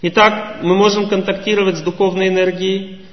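A man with a high voice delivers a slow, teacherly religious talk, posing questions to his audience. He sounds set back from the microphone in a long-echoing hall. The sound is muffled and dull. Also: little pitch movement, far from the mic. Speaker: spiritual lecturer. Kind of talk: religious lecture. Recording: echoey hall, voice from afar, muffled.

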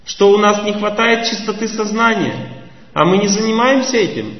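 Man, high voice, spiritual lecturer; measured and teacherly; heard from a distance in a reverberant hall. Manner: measured, teacherly, rhetorical questions to the audience. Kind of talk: religious lecture. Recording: echoey hall, voice from afar, muffled.

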